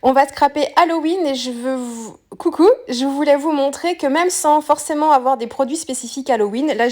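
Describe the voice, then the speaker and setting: A woman with a voice a little higher than most talks through a craft project step by step. Her delivery is relaxed and unscripted. She pauses often with fillers and restarts her sentences as she works. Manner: hesitant, frequent fillers and self-corrections. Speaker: craft tutorial presenter. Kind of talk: casual step-by-step demonstration.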